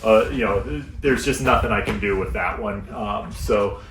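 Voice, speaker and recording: An American man, a luggage store instructor, giving a relaxed, chatty packing seminar to a live audience in a shop. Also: lowish voice, moderate pace. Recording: echoey room, mic at a distance, faint noise.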